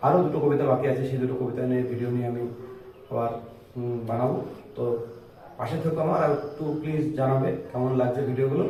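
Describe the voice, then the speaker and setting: A man teaching an exam-prep lesson on a poem, speaking slowly and dictating, mixing English and Bengali. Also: medium pitch, fairly even intonation, dark tone, a little hiss or hum. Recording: very echoey room, voice from far off.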